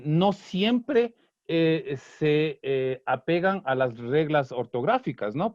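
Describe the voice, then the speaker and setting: A man teaching an online Kichwa language class, patiently breaking down song lyrics and slowly repeating words. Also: a little high, no room sound. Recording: dry, slightly dull online class audio.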